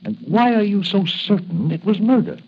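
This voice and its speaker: An actor playing a kindly, concerned older doctor and advisor in a 1940s radio drama, hesitant and questioning. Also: male voice, sits high, very animated, moderate pace, breathy edge, exaggerated voice. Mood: puzzled, questioning. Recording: muffled, noisy old radio recording.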